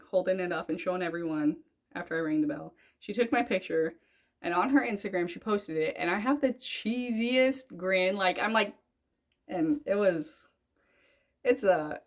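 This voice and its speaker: A chatty young woman with a lowish voice, talking through her stitching in a loose, rambling way. She stops to correct herself and circles back to earlier points. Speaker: cross-stitch vlogger. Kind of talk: casual chat.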